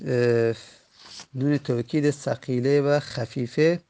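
A man teaching a grammar lesson, patiently explaining and slowly repeating each example word. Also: medium pitch, fairly even intonation, mellow, clean tone.

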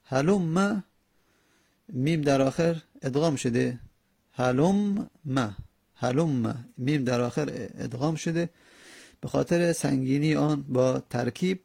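A man teaching a grammar lesson in a classroom style. He reads a text line by line and explains it, drawing out the example words slowly. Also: medium pitch, vocal fry, darkish tone, breathy edge, no echo, studio quality.

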